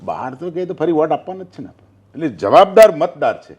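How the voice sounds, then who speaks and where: A man's voice: on the high side, big pitch swings, brisk, a little mellow, breathy edge. An older man from Gujarat, a former newspaper journalist, talking politics in an interview and telling anecdotes, acting out quoted speech.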